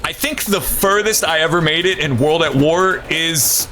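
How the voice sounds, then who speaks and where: A game streamer with a higher-pitched voice gives casual, playful live commentary on his gameplay at a moderate pace while chatting with viewers. Video game sounds and gunfire play behind his voice.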